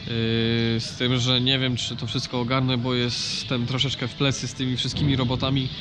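A man's voice: medium pitch, monotone, moderate pace, noisy background. Nasal, stuffed-up man vlogging casually. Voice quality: nasal, congested from a blocked nose. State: blocked nose from an allergy. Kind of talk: casual explanatory vlog about farm machinery.

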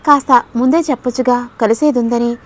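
A woman voicing a gentle, shy young woman student in an audiobook story, speaking softly and hesitantly. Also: fairly high pitch, steady tone, fairly quick, close to an everyday voice. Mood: put-upon. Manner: soft, hesitant, quietly reproachful.

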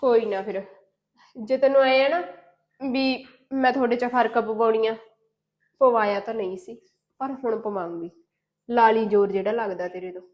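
A woman's voice: high-pitched, fast talker, hardly any pauses, fairly bright tone. A woman playing a scheming, taunting sister-in-law. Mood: coldly threatening. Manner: taunting, quarrelsome. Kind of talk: melodramatic short-film acting.

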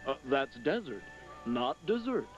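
Florid, animated documentary narrator, loud music. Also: male voice, fairly high pitch, measured pace. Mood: mock-solemn. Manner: florid, mock-solemn. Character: earnest, florid male nature documentary narrator and interviewer. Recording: muffled old tape, loud music behind.

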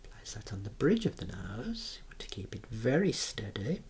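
Low-voiced man whispering softly. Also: very animated, vocal fry, breathy edge. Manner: soft whispering, slow and careful instruction; gentle reassuring praise. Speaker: clinician demonstrating eye and head measurements. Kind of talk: ASMR clinical role-play.

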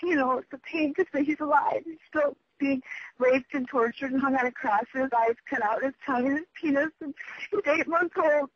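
A man with a high-pitched voice leaves a long, rambling voicemail message. He speaks haltingly, loses his thread and swears as he goes. The sound is dull and lo-fi, like a telephone recording. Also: fairly even intonation, no room sound. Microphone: phone.

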